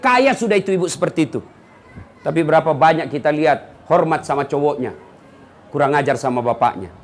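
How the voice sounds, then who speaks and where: A man preaching a humorous sermon to an audience, lively and teasing, mimicking the people he talks about. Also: on the high side, brisk. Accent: Makassar.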